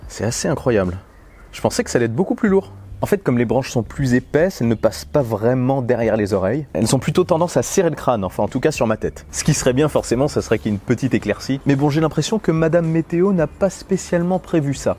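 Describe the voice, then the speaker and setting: Talking quickly and animatedly, this French-accented man has a medium-pitched, mellow voice. He's a tech vlogger doing a relaxed roadside unboxing on a lapel mic, playful and chatty, thinking out loud.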